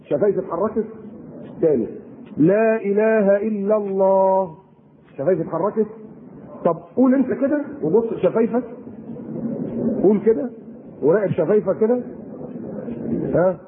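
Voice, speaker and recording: Egyptian male preacher, high fast delivery, lo-fi tape with faint hiss. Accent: Egyptian Arabic. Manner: animated, rhetorical questions to the audience. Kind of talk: Egyptian colloquial sermon. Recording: tinny lo-fi recording with faint noise.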